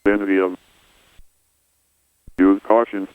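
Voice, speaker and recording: A deep male voice reads out an airport weather broadcast in a measured, even recitation. It comes through a thin, tinny aircraft radio with a very dry sound. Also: clean tone, no echo. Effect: airport weather broadcast heard over aircraft radio. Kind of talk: recorded airport information readout.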